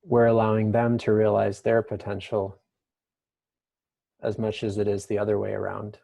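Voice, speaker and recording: A man leading a guided meditation with the slow, hushed delivery of a mystical healer. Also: on the low side, monotone, vocal fry.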